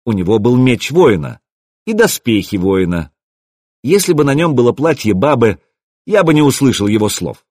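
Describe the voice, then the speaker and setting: A man doing a calm, unshaken warrior. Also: medium pitch, moderate pace, dry recording, clean studio sound. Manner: calm, matter-of-fact. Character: calm cool-headed male warrior.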